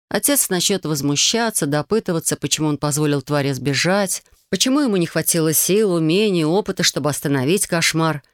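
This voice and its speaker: Guy reading an audiobook, calm steady narration, kinda high voice. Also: no echo, studio quality.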